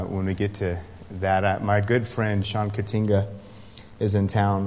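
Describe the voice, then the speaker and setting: A man's voice: lowish voice, slight background noise. Emphatic male pastor in a reverberant hall. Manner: building from quiet prayer to loud, emphatic preaching. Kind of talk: sermon. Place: church sanctuary.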